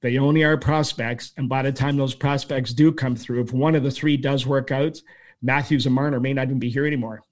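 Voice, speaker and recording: A man's voice: mid-range voice, a little fast. A man in his sixties from Toronto, Canada, telling long stories as an interview guest, rambling and restarting as he goes. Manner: rambling, animated storyteller with frequent restarts. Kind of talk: storytelling interview answers.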